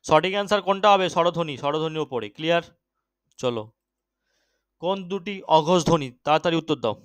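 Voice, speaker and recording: A young man teaching an exam-prep grammar lesson, often checking that students follow and urging them to answer quickly. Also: a little high, fairly bright tone, clean tone, no echo. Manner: keeps checking understanding, urges quick answers.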